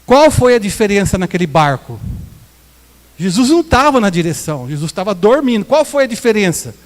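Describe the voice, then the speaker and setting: Acting out quotes from his congregation, a Brazilian pastor with a Brazilian Portuguese accent preaches in a conversational, joking style in a small church hall. His high, sing-song voice moves a little fast and sounds like it's in a large hall.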